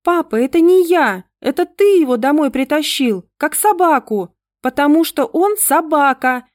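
A woman voicing a shrill, tearful little girl. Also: slow pace, warm tone, dry recording, studio quality. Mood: shouting. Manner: high, shrill childish pleading. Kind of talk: audiobook reading.

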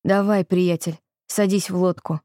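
A woman's voice: lowish voice, fairly even intonation, measured pace, dark tone, dry recording, studio quality, natural voice. A woman reading a blunt young man. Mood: urging.

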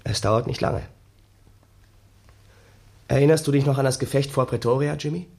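For a 1960s German radio play, an actor portrays a haunted, bitter young ex-soldier, telling his story in a weary, dramatic way with a gravelly, husky voice. The voice is mid-range and darkish, with fairly even intonation and a moderate pace, and the mood is one of haunted recollection.

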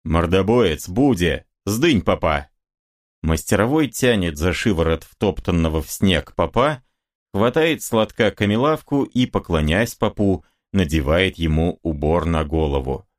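A man narrating an audiobook in a vivid, expressive reading. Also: low-pitched, normal speed.

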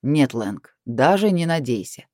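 A man's voice: medium pitch, big pitch swings, unhurried, a little mellow, no echo, studio quality, voice pushed down. A woman voicing a sarcastic, stern middle-aged male boss in an audiobook. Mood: sardonic.

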